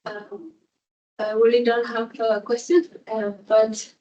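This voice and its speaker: A hesitant woman from Ecuador whose voice is going, picked up from a little way off the microphone. She pauses often and fills the gaps with ums. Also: a little high, level tone, far from the mic, muffled recording. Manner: halting, many fillers. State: losing her voice. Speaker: workshop participant. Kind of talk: hesitant audience remarks.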